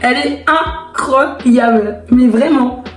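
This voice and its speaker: A woman chatting casually to viewers as a vlogger, her voice hoarse and raspy, as if nearly lost. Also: high voice, slow pace. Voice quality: raspy, strained from laryngitis. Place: echoey room indoors. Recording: echoey room with background music. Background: music.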